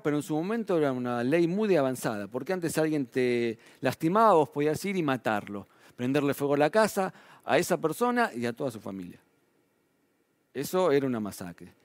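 A man's voice: a little high, no echo. A man preaching a sermon in a Rioplatense Spanish accent, talking in a conversational way with frequent tag questions and his voice rising and falling for emphasis. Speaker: pastor.

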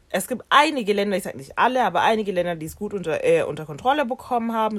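A woman ranting bluntly in a casual chat among friends. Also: mid-range voice.

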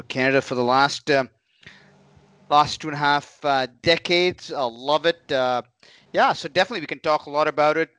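A middle-aged man from India co-hosting a podcast, rambling with lots of filler pauses. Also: mid-range voice, bright, forceful tone, clean tone, dry recording. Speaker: podcast co-host. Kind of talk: casual podcast chat.

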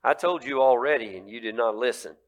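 A man's voice: medium pitch, a little fast, lightly acted. A man voicing a formerly blind man who answers his questioners bluntly and defiantly. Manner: blunt, challenging.

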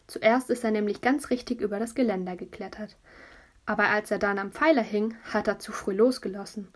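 A woman narrating a children's audiobook in a lively storytelling voice, telling it as a child would. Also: medium pitch, a little fast.

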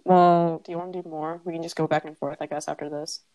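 Teen girl podcast co-host: low voice, dry close sound, deadpan explainer. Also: fast talker, no room sound, low-quality recording. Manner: explains inside jokes, dry teasing. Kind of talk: casual chat. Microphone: headphone mic.

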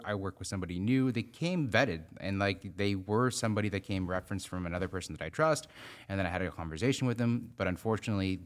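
A Canadian man, a general contractor, ranting in a casual podcast chat and swearing freely. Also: low voice. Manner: swears a lot, heated ranting.

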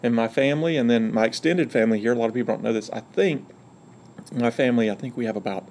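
A middle-aged university provost from Georgia, USA, talks as a podcast guest in a casual interview, his Southern accent strong and his manner folksy, joking and frank. His mid-range, slightly mellow voice moves fast, with a little background noise.

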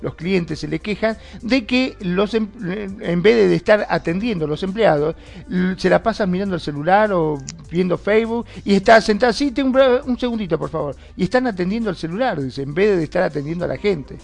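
A man speaking in a casual group discussion, relaxed and pausing on filler words. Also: high-pitched, vocal fry, faint music behind. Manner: relaxed, uses filler words while he searches for the right term. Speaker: discussion participant.

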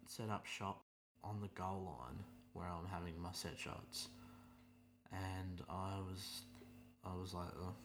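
Young Australian man with a very low voice; a sarcastic, exasperated storytime rant with loose swearing. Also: background noise.

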